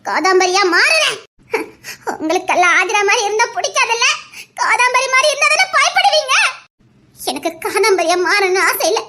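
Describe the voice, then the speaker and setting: A woman's voice: very high voice, pushed and bright, heavily acted. A woman voicing a hurt young bride-to-be who refuses a marriage. She speaks Tirunelveli Tamil in a bitter, tearful, defiant manner.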